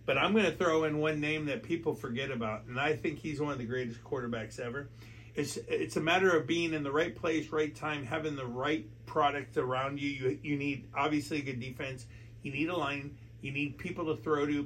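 Drunk American male sports host, fairly high register, repetitive and emphatic, recorded with background noise. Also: fairly quick, fairly bright tone, rough recording. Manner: emphatic, repetitive, stumbling over words. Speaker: sports talk show host. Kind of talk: casual sports chat.

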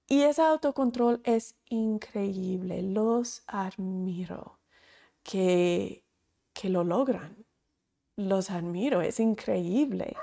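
A woman teaching a recorded course in speech. Her voice carries a gravelly vocal fry at an ordinary middle pitch. She talks earnestly and repeats her key points with emphasis. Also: drawn-out words, warm tone. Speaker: course instructor.

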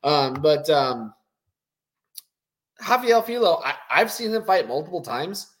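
A man co-hosting a casual post-fight show, talking in an animated, rambling way with many fillers. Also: a little high, unhurried. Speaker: co-host.

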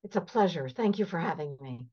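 An older woman, born in Egypt and raised in Canada, appears as a privacy expert guest and tells stories with emphatic passion. Her voice is on the low side, warm and expressive, and fairly quick. The lo-fi audio sounds slightly dull.

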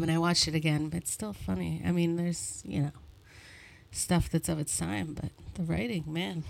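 Chatty self-deprecating woman host, lower voice. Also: creaky. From Montreal, Canada. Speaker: podcast host. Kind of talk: solo podcast monologue. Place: bedroom at home.

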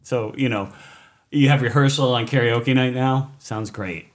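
A man's voice: medium pitch, unhurried. A man in a casual group chat, teasing a friend with pointed questions.

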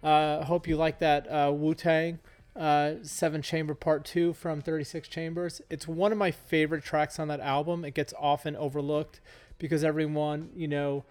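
Man, podcast host, laid-back, rambling with fillers, higher voice. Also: normal speed. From Southern California. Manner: relaxed, filler-heavy rambling. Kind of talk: casual podcast intro and interview.

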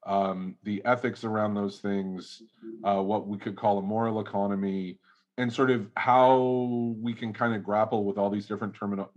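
A man's voice: lowish voice, steady tone, normal speed, darkish tone, highs cut off. A man guesting on a podcast, explaining ideas in a rambling, academic way full of hedges. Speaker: guest toy researcher. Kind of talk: casual podcast chat.

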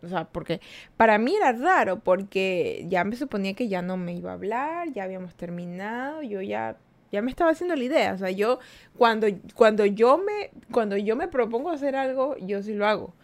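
A young woman hosting a podcast, telling a personal story in a casual, animated way and acting out what people said. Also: medium pitch, normal speed. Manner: animated, chatty, acts out quoted dialogue. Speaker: podcast host.

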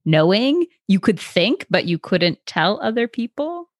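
Woman host asking slow thoughtful questions, dry close sound. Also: mid-range voice, sing-song, no room sound. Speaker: interviewer. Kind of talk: conversational interview.

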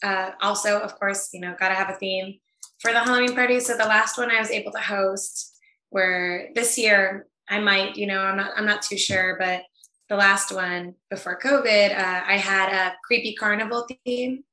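Woman, interview guest, laid-back and chatty, bright tone, roomy video-call sound. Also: medium pitch, steady tone, moderate pace. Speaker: guest, event planner. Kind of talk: casual interview chat. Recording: echoey room.

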